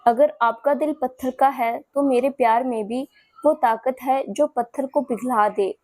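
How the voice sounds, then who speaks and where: A woman voicing a persistent young man in love who talks softly and gently to coax her in a storybook. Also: high-pitched, measured pace, no room sound. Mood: tender. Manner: soft, gentle and coaxing.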